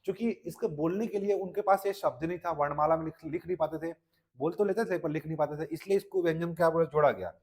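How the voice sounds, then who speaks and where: A man's voice: a little high, fast, a little mellow, slightly rough. A man with a Chhattisgarhi Hindi accent giving a classroom lecture for exam students, checking in with "okay" and quizzing his listeners. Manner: repeats "ठीक है" and quizzes listeners. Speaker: exam-prep Hindi teacher.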